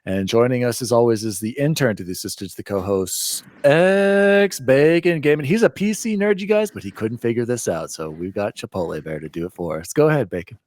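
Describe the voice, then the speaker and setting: Excitable man hosting a gaming podcast. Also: fairly low pitch, fast, few pauses, dry recording, studio quality. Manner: excitable, laughs through shout-outs. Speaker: podcast host. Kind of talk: casual gaming podcast chat.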